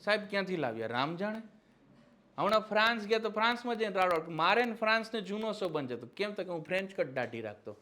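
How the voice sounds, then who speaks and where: A man's voice: sits high, lively intonation, quick pace, pushed and bright. A man giving a classroom lecture as an exam-prep history teacher, with teasing, mocking satirical asides, who keeps checking that his listeners agree.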